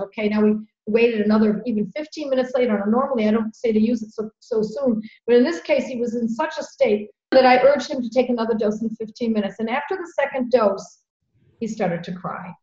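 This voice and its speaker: A woman's voice: a little high, a little fast, darkish tone. A woman practitioner of homeopathy, talking earnestly in a conversational storytelling way, often repeating words. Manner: earnest, fillers, repeats words when emotional. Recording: echoey room, dull lo-fi sound.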